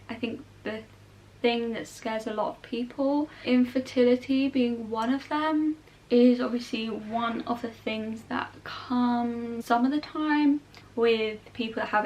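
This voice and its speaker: Higher-voiced young southern English woman, chatting casually. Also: low-quality recording. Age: young adult. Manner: chatty, informal, frequent "like" and "obviously". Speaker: vlogger answering viewer questions. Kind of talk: casual Q&A chat to camera.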